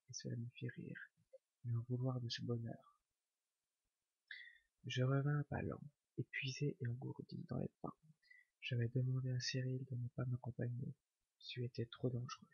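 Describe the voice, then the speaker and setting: A man giving a whispered ASMR reading of a novel, slow and hushed. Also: medium pitch, slightly rough, no room sound. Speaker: ASMR reader. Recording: dull lo-fi recording.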